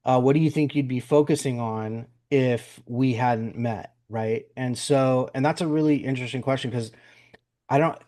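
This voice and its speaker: A man's voice: medium pitch, moderate pace, warm tone. Male podcast host, mid-range voice, casual and rambling with frequent fillers. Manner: rambling, repeats words, many fillers. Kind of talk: casual interview chat.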